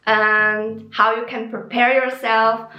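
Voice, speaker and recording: A woman's voice: fairly high pitch, flat delivery, slow pace, roomy sound, muffled recording, soft background music. A young woman from Switzerland with a Swiss German accent, a native German speaker, chatting openly in a personal vlog with frequent ums and self-corrections. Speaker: vlogger.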